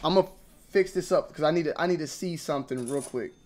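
Young guy doing a sneaker vlog, kinda high voice, slangy, rambles and gets loud. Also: fast talker, noisy background. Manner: slangy, repetitive, swings from mumbling to loud angry outbursts. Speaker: sneaker vlogger. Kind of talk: casual ranting commentary.

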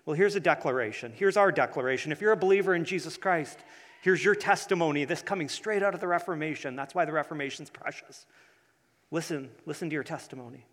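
Man, pastor, explanatory sermon, fairly high voice, deliberate phrasing, repeated key words, long hall reverb. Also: fairly bright tone. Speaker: pastor preaching.

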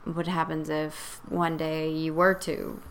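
Woman, podcast host, gravelly voice, hesitant, rambling, casual chat. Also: deep voice, level tone, takes it slowly, slight background noise. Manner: hesitant, rambling with many fillers.

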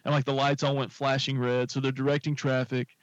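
A man spins a long, rambling story in a casual chat, with plenty of fillers and restarts. His voice sits at an ordinary middle pitch. The recording is dry and a little dull and lo-fi. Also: brisk, no room sound. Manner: rambling, animated anecdote with fillers. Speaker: podcast co-host telling a story.

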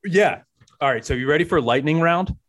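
A man's voice: on the high side, fairly quick, a bit bright, a little hiss or hum. A man in his forties hosting a casual interview, agreeable and encouraging, feeling his way through his phrasing. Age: 40s. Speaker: interviewer, host.

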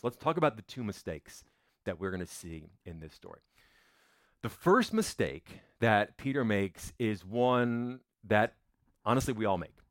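A male pastor giving a conversational sermon, emphatic and relaxed, often repeating himself for effect. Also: lowish voice, no room sound, studio quality. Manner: conversational, emphatic preaching with repetitions. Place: church.

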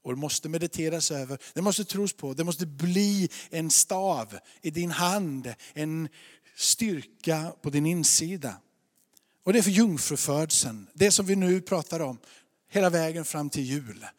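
A man's voice: on the high side, lively intonation, darkish tone. Earnest male preacher in a reverberant church. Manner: earnest, repetitive preaching with rising emphasis. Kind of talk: sermon.

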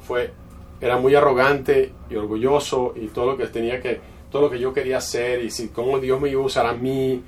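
A man's voice: medium pitch, flat delivery, a little fast. Distant-miked male preacher. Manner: conversational storytelling with frequent restarts. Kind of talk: sermon with personal story. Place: church. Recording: distant mic with faint background noise.

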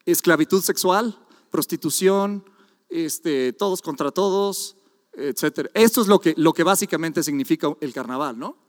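A man preaching a sermon, telling a story with lively asides to the congregation. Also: a little high, moderate pace. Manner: animated storytelling with audience asides. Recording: long hall reverb.

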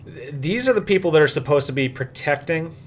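A man co-hosting a podcast, chatting casually about a movie with halting restarts. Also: fairly high pitch, expressive. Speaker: podcast co-host. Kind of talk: casual movie review chat.

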